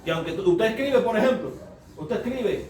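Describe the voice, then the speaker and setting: Male preacher, high voice, teaching sermon with rhetorical questions; distant mic, echoey room, faint noise. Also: expressive, moderate pace, a little mellow. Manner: explains step by step, asks rhetorical questions. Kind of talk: sermon, Bible study teaching.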